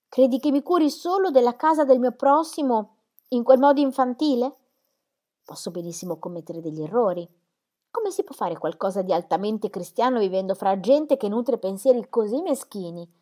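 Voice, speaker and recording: A woman's voice: mid-range voice, very animated, moderate pace, darkish tone. A woman reading aloud and voicing Dorothea, an earnest young woman who speaks with vehement, wounded indignation. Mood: indignant.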